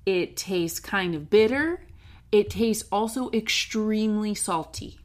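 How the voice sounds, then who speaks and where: A woman's voice: mid-range voice, takes it slowly. Chatty woman podcast co-host. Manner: laughs often, chatty and joking; explains food history from notes. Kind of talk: casual chat.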